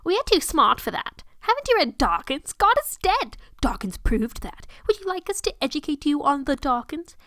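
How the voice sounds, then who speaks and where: A woman's voice: sits high, big pitch swings, normal speed, hardly any pauses, a bit bright, no echo, clean studio sound, voice pushed up. A woman voicing a haughty, suspicious aunt in a story, snooty and mocking. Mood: smug. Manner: snooty, mocking, sickly sweet at times.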